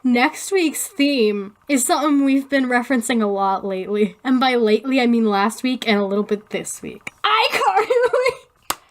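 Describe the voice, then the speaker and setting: A woman's voice: on the high side, moderate pace, few pauses, a little hiss or hum. A young adult woman co-hosting a podcast in casual chat, playful and laughing often. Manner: giggly, playful. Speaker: podcast co-host.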